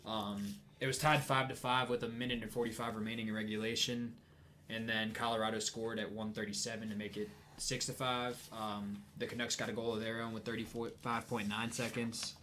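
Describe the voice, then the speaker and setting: A young man co-hosting a casual sports podcast, talking in a relaxed, rambling way with fillers. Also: fairly low pitch, brisk, slight background noise. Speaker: podcast co-host.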